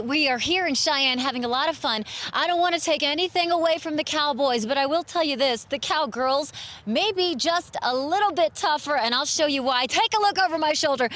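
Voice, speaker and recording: A woman's voice: high voice, fairly bright tone. A woman with a light Southern accent giving an upbeat, chatty live TV field report from an outdoor rodeo arena. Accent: Southern American. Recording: faint outdoor noise.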